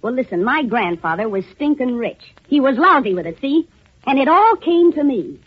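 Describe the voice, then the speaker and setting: A woman's voice: high voice, sing-song, normal speed, husky, heavily acted. An actress playing a tough, slangy young woman who claims to be a lost heiress, in 1940s radio acting, on a dull lo-fi old radio recording. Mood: defiant. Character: tough brash young woman, defiant hustler.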